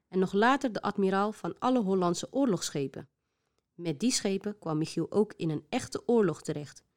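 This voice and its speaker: A woman narrating a children's story for a podcast. Her voice sits fairly low, and she reads in a clear, measured storytelling manner. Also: a little mellow.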